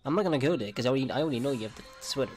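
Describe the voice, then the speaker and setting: A man's voice: mid-range voice, lively intonation, rapid-fire, darkish tone, soft background music. A man commentating on his game with theatrical, mock-menacing, sweary taunts at other players. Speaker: gamer playing the killer in an online horror game. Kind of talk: gameplay commentary with taunting banter.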